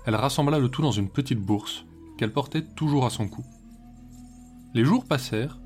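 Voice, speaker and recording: A man telling a legend in measured scripted narration, pausing for drama. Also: mid-range voice, a little mellow. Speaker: storyteller.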